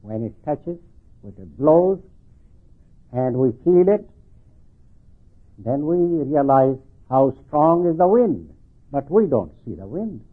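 An older man preaching and explaining scripture, deliberate and halting, repeating phrases, with slightly slurred lips-over-teeth articulation from artificial teeth. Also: mid-range voice, sing-song, breathy edge. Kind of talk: religious sermon explaining scripture. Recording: thin phone-like band-limited sound.

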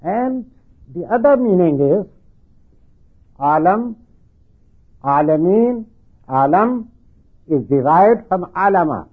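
An older man preaching and explaining scripture, deliberate and halting, repeating phrases, with slightly slurred lips-over-teeth articulation from artificial teeth. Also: high-pitched, expressive, husky. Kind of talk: religious sermon explaining scripture. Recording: thin phone-like band-limited sound.

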